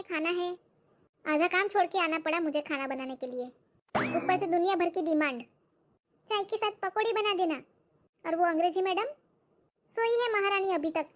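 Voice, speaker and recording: A woman performing a comic skit, grumbling to herself in sharp asides. Her voice sits very high. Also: slight background noise. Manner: grumbling and exasperated.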